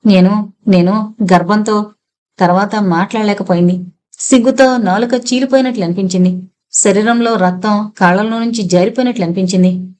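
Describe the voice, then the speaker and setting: A woman narrating a full-length novel as an audiobook, with steady storytelling. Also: medium pitch, brisk.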